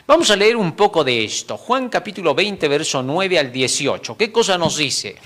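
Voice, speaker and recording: A man teaching a Bible lesson with a lively, swooping delivery in a fairly high voice. He works through the reading with animated energy, chuckles between points and keeps checking in with little tag questions. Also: normal speed.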